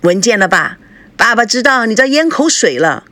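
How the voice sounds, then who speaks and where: A woman's voice: on the high side, very animated, moderate pace, sharp tone, dry recording, heavily acted. A woman voicing a doting middle-aged father who coaxes his daughter in a sing-song way and grumbles about her boyfriend. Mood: coaxing.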